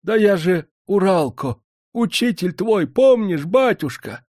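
A man's voice: high-pitched, lively intonation, darkish tone, dry recording, studio quality, pitched above the performer's own voice. A man doing a plaintive blind old beggar. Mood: overjoyed. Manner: drawn-out, plaintive.

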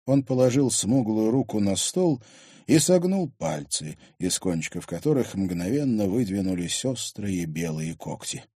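A man narrating an audiobook with a lively, expressive reading. His tone is mellow and a little husky. The recording is dry and close. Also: lowish voice, a little slow, no room sound. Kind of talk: scripted narration.

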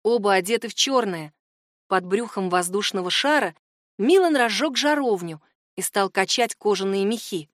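A woman narrating an audiobook in a measured, even storytelling voice. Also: mid-range voice, dry recording, studio quality. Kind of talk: scripted narration.

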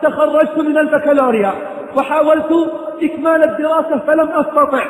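A frail, gravely ill woman pours out her regrets, read by a man. The voice sits very high, and a long hall reverb trails each line in a roomy space. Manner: speaks with heavy regret.

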